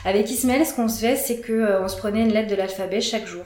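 Woman, thirties, hesitant, lots of fillers, roomy echo, mid pitch. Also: quick pace, darkish tone. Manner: hesitant, many fillers and restarts. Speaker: guest telling her birth story. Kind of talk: casual conversation.

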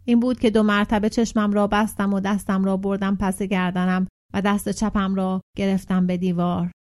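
Woman reading a story aloud. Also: mid-range voice. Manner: steady storytelling, shifts tone for quoted characters. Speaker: narrator reading a short story. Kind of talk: audiobook narration with voiced dialogue.

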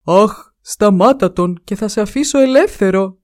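A woman's voice: extremely low pitch, animated, darkish tone, pitched below the performer's own voice. A woman voicing a frightened male giant who pleads nervously in a storybook tale. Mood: pleading.

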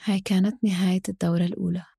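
A woman with a Levantine Arabic accent and a husky voice leads a guided breathing exercise as instructor, giving short, spaced instructions. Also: fairly low pitch, little pitch movement, rapid-fire, dark tone, no room sound, clean studio sound.

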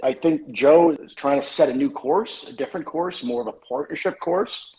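A man from the US West Coast calling in to a discussion, giving a measured, thoughtful comment. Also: a little high, a little mellow, rough recording. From west coast of the United States. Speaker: caller. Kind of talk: casual call-in comment.

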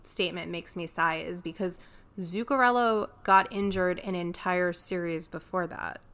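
Sarcastic woman with a bright, gravelly voice. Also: fairly low pitch, steady tone, normal speed. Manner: pointed, sarcastic, quizzing. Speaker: podcast co-host. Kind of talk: casual sports podcast debate.

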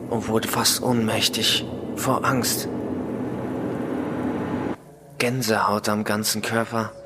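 Man reading a ghost story slowly. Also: lowish voice, background noise. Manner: slow, measured, dramatic storytelling. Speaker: story reader.

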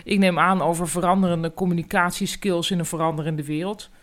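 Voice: medium pitch, steady tone, fairly quick, a bit bright, natural voice. A storyteller voicing a fretful, grumpy male guinea pig in a storybook reading, with a raised, agitated delivery. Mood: groggy, fussing.

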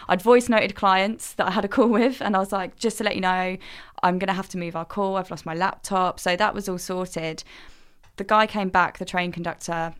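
A woman's voice: lowish voice, clear, resonant tone. A young woman tells a story in a casual podcast chat, acting out what people said and laughing often. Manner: animated, acts out the voices in her stories, laughs often. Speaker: podcast co-host.

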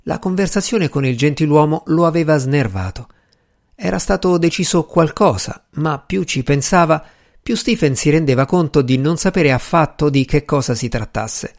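A man narrating a novel in a steady, even reading voice. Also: on the high side, moderate pace. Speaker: audiobook narrator. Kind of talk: scripted narration.

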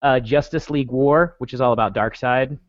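A man's voice: mid-range voice, fairly quick. A man co-hosting a casual podcast chat, joking and laughing as he talks. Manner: joking, animated, laughs often. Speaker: podcast co-host. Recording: dull, muffled sound.

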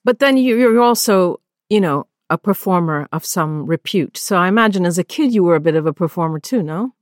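A woman's voice: lowish voice, expressive, brisk, no room sound. Curious woman interviewer, dry mic. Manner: curious, probing questions. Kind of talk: interview questions.

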